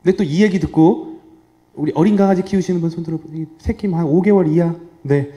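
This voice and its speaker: Thirties male vet addressing a crowd, jokey and lively, with a slightly high, warm voice. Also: quick pace. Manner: animated and joking, acts out dogs and owners. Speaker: veterinarian giving a public lecture. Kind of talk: lively live talk with audience questions. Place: lecture hall with a live audience.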